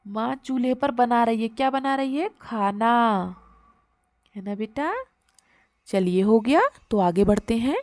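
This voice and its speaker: A woman's voice: on the high side, darkish tone, no room sound. Patient, dry-voiced woman teacher. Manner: patient, repeats words slowly for children. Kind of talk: workbook lesson for young children.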